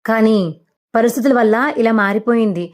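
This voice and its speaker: A woman's voice: a little high, fairly even intonation, fairly quick, darkish tone, lightly acted. A woman telling a serial's story, voicing a worried older mother who reveals her daughter's secret. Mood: confessing.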